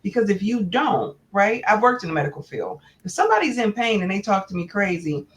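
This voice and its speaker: A woman speaking as a guest in a casual panel discussion, measured and earnest. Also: medium pitch, sing-song.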